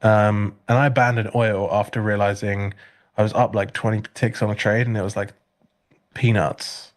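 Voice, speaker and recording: A man's voice: on the low side, little pitch movement, normal speed. A congested British man hosting a live trading stream, chatting casually with dry, sarcastic humor. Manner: dry, sarcastic humor while reading chat.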